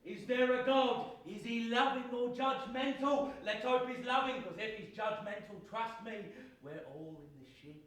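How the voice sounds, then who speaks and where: Man playing a cheeky, high-voiced comic minder. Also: moderate pace, hardly any pauses, a bit bright. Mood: cocky. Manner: wisecracking, direct to audience. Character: cheeky, dim-witted minder, cocky joker. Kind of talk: theatrical farce acting. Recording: echoey distant stage recording, faint noise.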